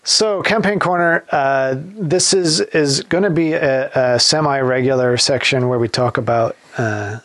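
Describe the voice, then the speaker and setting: A man hosting a casual gaming podcast, rambling with many pauses and restarts as he explains a campaign he runs. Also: mid-range voice, fairly bright tone, no room sound. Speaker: podcast host and campaign games master.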